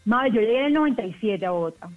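A woman from the Colombian Caribbean coast with a softened coastal accent, a TV news presenter chatting quickly as a radio guest. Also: fairly high pitch, expressive, faint music behind. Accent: Colombian coastal Spanish, softened. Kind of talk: casual radio chat. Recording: tinny phone line, dry.

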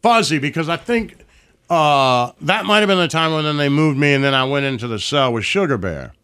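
A man with a bright, forceful voice, a little higher than most, tells stories in loose, foul-mouthed chat. He acts out the voices of the people in his stories as he goes. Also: fairly quick, smooth. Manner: profane, animated storytelling with acted quotes. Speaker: podcast guest. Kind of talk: casual storytelling chat.

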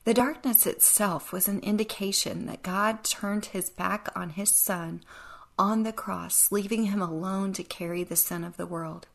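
A woman's voice: mid-range voice, fairly even intonation, a little slow, gravelly. A woman hosting a devotional podcast, teaching in an earnest, reflective way with a touch of dry sarcasm. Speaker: podcast host.

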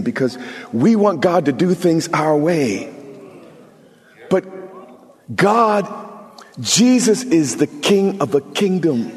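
A man's voice: fairly high pitch, darkish tone. Emphatic preacher man, reverberant hall. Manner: emphatic preacher, talks to the congregation, humor asides. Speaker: pastor. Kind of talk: sermon.

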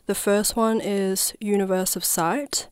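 A woman speaks in a smooth, resonant voice at a middle pitch. She talks reflectively as a guest in a radio studio, often pausing to hedge with little fillers. The sound is close and dry, with no room around it. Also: fairly even intonation, no room sound. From southwest China. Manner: reflective, hedging with frequent "I suppose" and "like". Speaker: guest artist. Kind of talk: casual radio interview.

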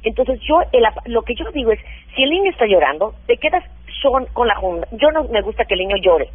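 A woman's voice: fairly high pitch, big pitch swings, brisk, breathy edge, no echo. A woman who is a parenting expert gives practical advice in a radio interview and explains things step by step with examples. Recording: phone-like narrow band, dry.

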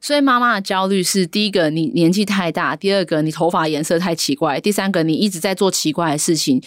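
A woman in her thirties co-hosting a casual chat show, telling stories with animated mimicry of relatives. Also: fairly low pitch, fast, dry recording, clean studio sound. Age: 30s. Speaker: podcast co-host.

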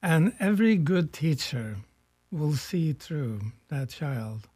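An older man born in Norway, a retired economics professor, speaking as a radio guest in a reflective, searching way with pauses. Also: fairly high pitch, very animated, warm tone, no room sound, studio quality. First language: Norwegian. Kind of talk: radio conversation.

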